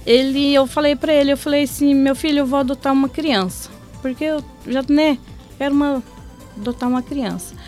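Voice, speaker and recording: Woman, middle-aged, heartfelt storytelling, slightly high voice, faint background music. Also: brisk. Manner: heartfelt, drops soft and low then lifts bright. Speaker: interviewee. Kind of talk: emotional personal storytelling.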